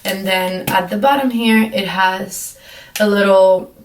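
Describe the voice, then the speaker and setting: A woman's voice: medium pitch, steady tone, slow, far from the mic. A young woman giving a casual makeup tutorial, chatty and apologetic with plenty of fillers, her voice groggy from just waking up. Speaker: beauty vlogger. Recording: echoey room, mic set back.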